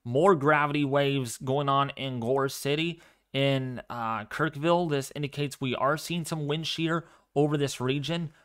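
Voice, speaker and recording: A man hosting a live severe weather stream, speaking quietly but clearly in a calm, fairly monotone way while commenting and chatting with viewers. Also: mid-range voice, a little slow. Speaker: livestream weather host.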